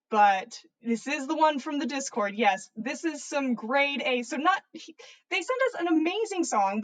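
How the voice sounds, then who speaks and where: This woman hosts a podcast in a relaxed, informal way, doing animated story readings and casual livestream chatter. Her voice sits high, and the audio is poor.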